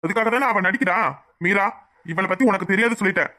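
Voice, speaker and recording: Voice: medium pitch, quick pace, sharp tone, close to an everyday voice. A voice actor playing a hot-headed young man caught between two women in a cartoon drama. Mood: accusing. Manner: curt, accusing. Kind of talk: cartoon voice acting.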